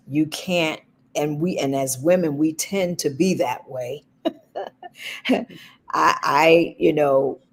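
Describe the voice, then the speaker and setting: Slow, husky-voiced woman giving advice. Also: sits low. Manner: slow, deliberate and emphatic. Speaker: podcast co-host. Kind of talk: relationship advice talk.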